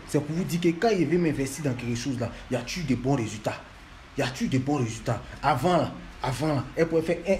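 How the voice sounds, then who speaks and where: A man's voice: fairly high pitch, mellow, a little hiss or hum. A man, lecturing and scolding fans in a repetitive, emphatic monologue. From Ivory Coast.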